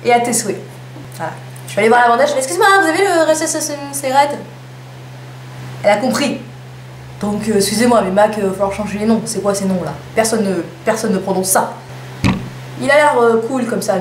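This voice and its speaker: A woman's voice: mid-range voice, fast, a little mellow. Chatty young woman, echoey room. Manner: chatty, self-mocking asides. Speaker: beauty vlogger. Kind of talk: casual haul video. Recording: echoey room with faint hum.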